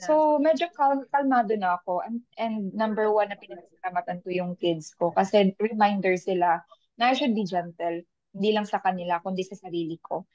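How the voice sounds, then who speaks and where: A woman's voice: mid-range voice, moderate pace, a little mellow, no echo. A woman, a working mother speaking thoughtfully in a casual podcast chat, mixing two languages. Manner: thoughtful, mixes Tagalog and English, many restarts. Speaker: panel guest; working mother of young kids. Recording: dull lo-fi sound.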